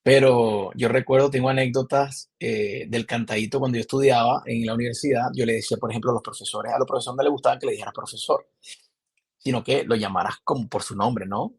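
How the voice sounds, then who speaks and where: Gravelly-voiced Venezuelan man telling stories. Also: mid-range voice, fast. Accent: Venezuelan, Maracaibo. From Venezuela, Zulia. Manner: animated storyteller, many restarts. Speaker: podcast guest, film director. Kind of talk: casual interview chat.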